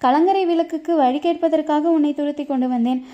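A woman's voice: high voice, fairly quick, dark tone, lightly acted. A woman voicing a boastful, teasing young male warrior in a storybook reading, with bantering, mock-dramatic lines. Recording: dull lo-fi recording.

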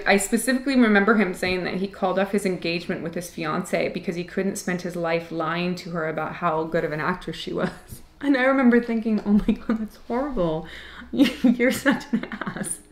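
A woman's voice: mid-range voice, a bit bright. A woman hosting her own channel, casually and playfully answering viewer comments and laughing often. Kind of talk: casual chat to camera. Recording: echoey room.

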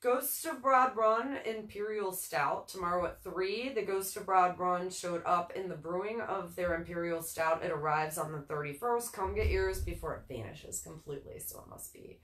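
A woman's voice: fairly low pitch, normal speed, few pauses, a bit bright. A woman from Northern Virginia co-hosting a casual live stream, reading listings in an easygoing way with small chuckles. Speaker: co-host. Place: local speed shop, indoors. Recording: echoey room, far from mic.

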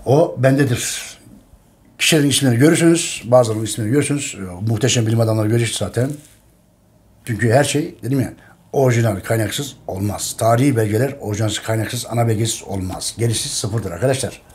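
A man speaking to his viewers in a fervent, repetitive monologue. His voice sits at an ordinary middle pitch, and he hammers each point home by saying it twice, pleading with his listeners. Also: fast talker, a little mellow. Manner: emphatic, repeats phrases, calls listeners friends; urgent, pleading with viewers to share. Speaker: channel host presenting his history book.

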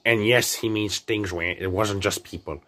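A man voicing a grumpy, crude adult man with a deep, gravelly voice, speaking gruffly and irritably. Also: normal speed, sharp tone. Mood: annoyed.

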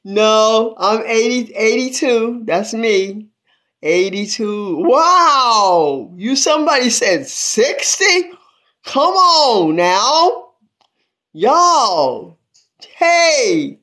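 An 82-year-old woman chatting on a phone livestream from a small room at home, calling out praise and thanks to God between greetings to viewers. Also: mid-range voice. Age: 80s. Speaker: livestream host. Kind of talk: casual livestream chat. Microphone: phone at arm's length.

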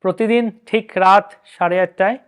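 A man with a Bengali accent hosting a devotional discussion, explaining in a lively storytelling way. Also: high-pitched, moderate pace, clean tone. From India. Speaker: host.

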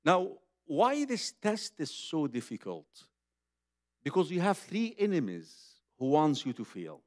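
An older Egyptian man whose first language is Arabic preaches as an Islamic preacher at a conference religious lecture, seated at a table on a conference hall stage. His slightly high voice has huge pitch swings at a somewhat slow pace; he's conversational and emphatic, repeats phrases and addresses the audience directly. A boom-stand microphone gives studio-quality sound without echo.

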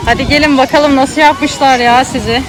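At a crowded outdoor children's theme park, a mother vlogging her child speaks in a high-pitched voice with fairly even intonation and normal speed. Talking straight to young viewers, she greets and prompts them often, while a loud crowd and outdoor ambience fill the noisy recording.

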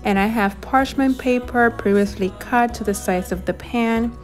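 A woman narrating her home decorating and baking in a gentle, enthusiastic voice-over, walking through each step. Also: on the high side, moderate pace, faint music behind. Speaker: home and cooking vlogger.

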